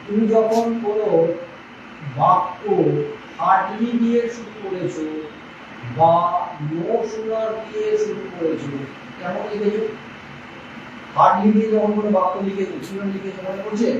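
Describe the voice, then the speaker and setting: Guy teaching english to a class, highish voice, far off mic, dull noisy room. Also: fairly even intonation, very echoey. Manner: quizzes students with repeated questions, slow dictation. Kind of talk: classroom lecture in Bengali.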